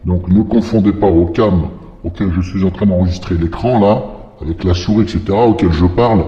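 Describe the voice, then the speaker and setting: A man presenting a casual software tutorial in a rambling way, his voice processed by a demon voice-changer filter. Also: deep voice, fairly quick. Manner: rambling, informal explanations. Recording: muffled, reverberant processed screen recording.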